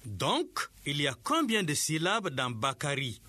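A man teaching a scripted radio lesson, giving slow, clear instructions to teachers and pupils. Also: a little high, wildly swooping pitch, bright, forceful tone, no echo.

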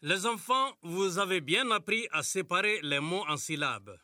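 A man teaching a class, giving clear and encouraging instructions. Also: high-pitched, animated, unhurried, bright, forceful tone, dry recording, studio quality, soft background music.

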